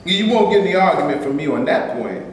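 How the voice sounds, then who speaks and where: An actor in a staged reading plays an ambitious, resentful man who dreams of making movies, talking fast in a voice that is high for a man and rises and falls animatedly. The mic is distant in an echoey room, with faint noise.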